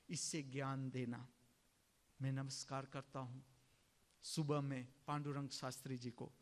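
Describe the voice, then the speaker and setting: Male spiritual teacher from India, slightly high voice, very slow, emphatic sermon delivery. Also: fairly bright tone. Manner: slow, emphatic, clears throat often.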